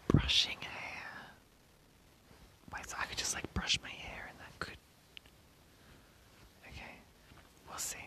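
An ASMR host speaking entirely in a breathy whisper, reading an article aloud and adding informal, rambling asides. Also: takes it slowly, long pauses, sharp tone, low-quality recording. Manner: informal, rambling, self-commenting.

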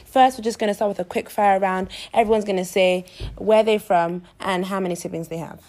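A teenage girl hosting a casual podcast chat with friends, energetic and teasing. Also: mid-range voice, a little fast. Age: teens. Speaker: podcast host.

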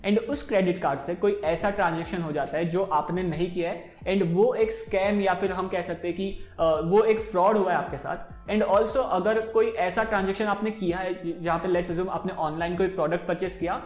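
A man's voice: high voice, steady tone, moderate pace, few pauses, roomy sound. A man in his twenties explaining personal finance in a casual, chatty way, switching freely between Hindi and English. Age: 20s. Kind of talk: casual explainer talk to camera.

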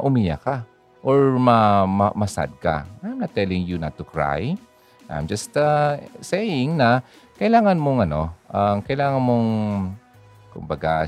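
A man hosting a radio talk, chatting casually about grief and faith, full of fillers and little "ha?" tags. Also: medium pitch. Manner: chatty, code-switching, many fillers and "ha?" tags. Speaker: radio host.

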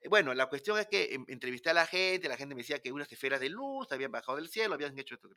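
A Peruvian man recounts an adventure in casual conversation and acts out each exchange as he goes. His voice is bright and sharp, and his pitch swings widely. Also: racing. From Peru. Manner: animated, dramatic storytelling with acted-out dialogue. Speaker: guest storyteller. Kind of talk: casual storytelling interview.

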